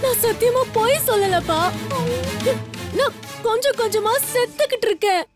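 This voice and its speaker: A woman's voice: extremely high pitch, normal speed. An actress playing a tearful young daughter-in-law who claims she was beaten, pleading through sobs, over serial music. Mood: sobbing. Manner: sobbing, pleading complaints.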